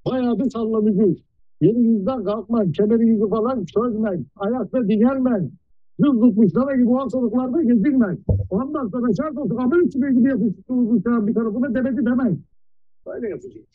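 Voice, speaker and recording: A man playing an airline pilot making a formal announcement to passengers over the cabin loudspeaker. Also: very high-pitched, a little fast, dry recording, narrow, tinny audio. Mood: folksy.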